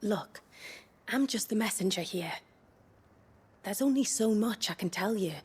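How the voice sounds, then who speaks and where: A coy, breathy tavern flirt. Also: female voice, mid-range voice, expressive, darkish tone. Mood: teasing. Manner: slow and coy, with frequent laughs. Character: flirtatious, teasing female tavern messenger.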